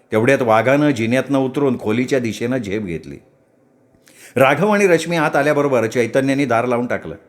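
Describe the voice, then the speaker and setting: A man narrating a story with dramatic, vivid delivery. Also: mid-range voice.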